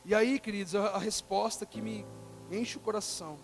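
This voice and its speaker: A man preaching with a very high voice for a man. He talks animatedly, acting out the quoted lines himself. He swings from loud bursts down to near-hushed asides. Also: normal speed, soft background music. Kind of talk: sermon.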